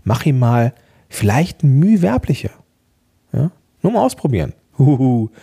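A man hosting a podcast, giving chatty, encouraging advice straight to the listener and often checking in with a quick "ja?". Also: mid-range voice, sing-song, creaky, mellow, slightly rough. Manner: chatty, encouraging, addresses listener directly with frequent "ja?". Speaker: podcast host and coach. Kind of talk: casual podcast advice monologue.

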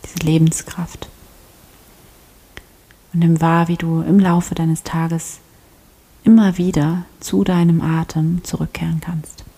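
Woman doing a guided prayer, soft half-whisper, low and dark, pretty flat. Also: slow pace, pauses often, husky, low-quality recording. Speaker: prayer leader.

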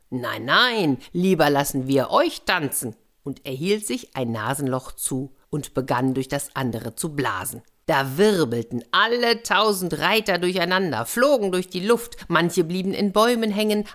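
A woman storyteller reading a children's fairy tale in a lively, expressive way. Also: deep voice.

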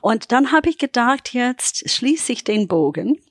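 A woman's voice: a little high, big pitch swings, unhurried, dry recording. Woman, American accent in German, middle-aged or older, podcast interview guest, reflective, dry close sound. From United States. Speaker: podcast guest, business development trainer. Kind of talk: conversational interview.

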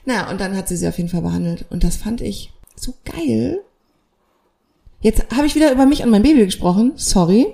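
A young woman with a mellow, warm voice talks casually as a podcast co-host. She tells her story with animated energy and acts out the lines of the people in it. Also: mid-range voice, brisk, vocal fry. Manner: animated storytelling, acting out quoted dialogue. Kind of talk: casual chat.

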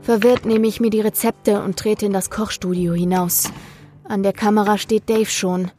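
A woman reading a first-person horror story in a measured, brooding narrating voice. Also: medium pitch, fairly even intonation, warm tone, soft background music.

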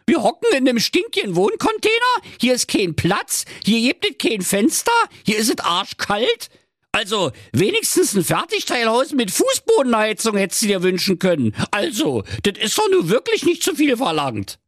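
A man's voice: very high voice, wildly swooping pitch, moderate pace, fairly bright tone, no room sound, studio quality, pitched above the performer's own voice, heavily acted. A man voicing a greedy, lazy wife who nags and insults her husband. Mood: nagging. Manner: bossy, insulting, crude. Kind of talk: comic fairy tale reading.

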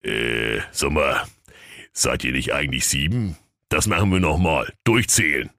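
A man's voice: deep voice, fairly bright tone, no room sound, clean studio sound. A man voicing a dim, clumsy bear who stumbles over his words, in a comic storybook reading. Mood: bumbling. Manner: slow, bumbling, hesitant with many ums.

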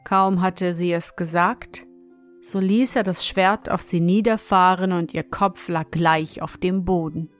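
A woman narrating a fairy tale in a calm, measured storytelling manner. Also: lowish voice, faint music behind.

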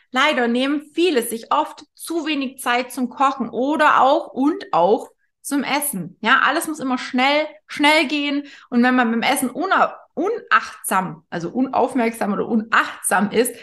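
Woman, nutrition coach, casual spoken advice, chatty, tag questions, restarts, slightly high voice. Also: fairly bright tone. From Germany.

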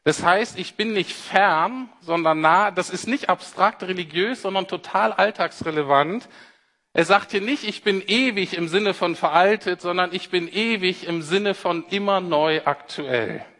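A man's voice: high voice, unhurried, a bit bright. A man preaching a sermon, earnest and explanatory, addressing listeners directly as "you". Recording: long hall reverb.

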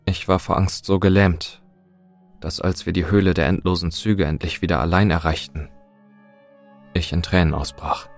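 A man's voice: sits low, fairly even intonation, moderate pace, faint music behind. A man narrating a scripted first-person horror story in a tense, dramatic way.

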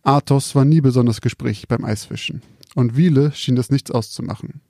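A man calmly reading out a scripted spooky story in a measured, quiet storytelling manner. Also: mid-range voice, vocal fry, no room sound, clean studio sound.

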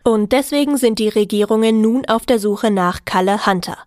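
A man voicing a female television news anchor with a measured newsreader delivery. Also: high voice, no echo, studio quality, voice pushed up, lightly acted. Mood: formal.

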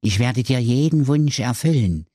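A man doing a sardonic raspberry genie. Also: medium pitch, animated, normal speed, dark tone, no room sound, voice pushed up, close to an everyday voice. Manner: dry, mocking, calls his master a dolt.

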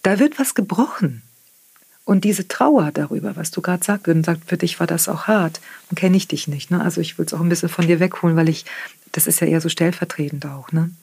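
Female author-therapist, German accent, slightly low husky voice, thoughtful explainer with a habit of "ne?" tags and filler pauses. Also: darkish tone, no echo. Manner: reflective, tags sentences with "ne?"; frequent hesitation fillers. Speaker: author and guest; therapist working with clients. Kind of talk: podcast interview, explaining.

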